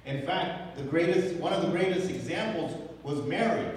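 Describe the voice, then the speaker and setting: A man's voice: fairly high pitch, normal speed. Young man, pastor, casual Bible teaching with a light faint room hum, reverberant hall. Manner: relaxed, asks the room rhetorical questions, chuckles often. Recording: echoey hall from far off.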